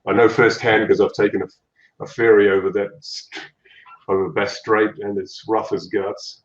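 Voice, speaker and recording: A man's voice: lowish voice, level tone, normal speed, reverberant, highs cut off. A man with a broad Australian accent chatting casually as a guest, laid-back and colloquial. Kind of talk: casual chat.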